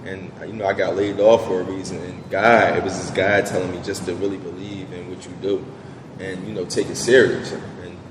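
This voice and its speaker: A young business owner from Southwest Philadelphia answers interview questions in a relaxed manner, full of fillers. His voice sits low with a flat delivery at a moderate pace, recorded in an echoey room with background noise.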